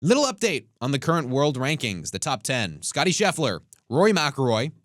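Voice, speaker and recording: A co-host of a casual sports chat reads a list of rankings the way an airline pilot gives an announcement. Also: male voice, mid-range voice, normal speed, voice pushed up, natural voice. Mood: announcing. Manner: steady flat announcer reading of a list. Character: man reading stats like an airline pilot announcing. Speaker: golf podcast co-host.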